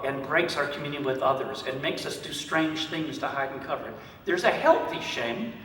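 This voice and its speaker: A man's voice: a little high, bright, forceful tone, a little hiss or hum. A man with a Southern US accent, a priest giving a conversational talk with humorous stories and frequent fillers. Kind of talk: conference talk with anecdotes. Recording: echoey hall, speaker far from mic.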